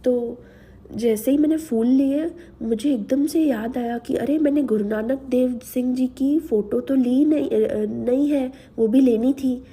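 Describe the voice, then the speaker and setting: A woman shares a personal devotional testimony with her listeners, speaking slowly and earnestly. Her voice is dark and slightly husky, with a mildly sore throat, and she drops English words into her speech. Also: high-pitched. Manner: slow, earnest, mixes English words into Hindi. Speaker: devotional channel host. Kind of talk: personal testimony to a spiritual audience.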